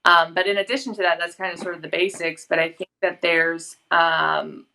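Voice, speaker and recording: A woman guest on a business talk show, explaining features in a measured way with frequent pauses. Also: on the low side, steady tone, vocal fry, sharp tone. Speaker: company guest. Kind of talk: interview answer.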